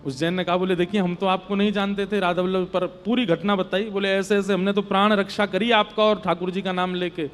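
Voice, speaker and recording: High-voiced man telling a devotional sermon. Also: flat delivery, a little fast, few pauses. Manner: emotive, swells louder on devotional lines. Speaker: Bhagavat storyteller. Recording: long hall reverb.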